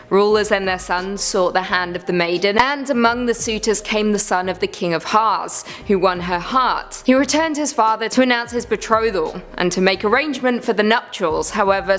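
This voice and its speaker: Woman reading an old legend like a fairy tale, soft music behind her. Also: medium pitch. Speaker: narrator. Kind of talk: scripted storytelling narration. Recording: faint music bed.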